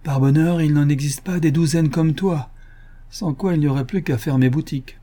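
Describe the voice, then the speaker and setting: Un vieil inspecteur de police bourru et sceptique, joué par un lecteur, dans un livre audio. Il parle franchement, d'un ton incrédule, avec une voix sombre et voilée. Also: male voice, fairly high pitch, expressive, normal speed, mellow, breathy edge, voice pushed up. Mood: grudging. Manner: incredulous and blunt. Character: gruff, skeptical old male police inspector.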